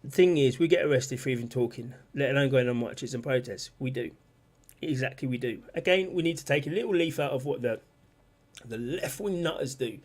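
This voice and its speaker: A man with a mid-range, darkish voice hosts a casual political livestream at a brisk pace. He rambles and repeats himself while talking and reading out chat comments.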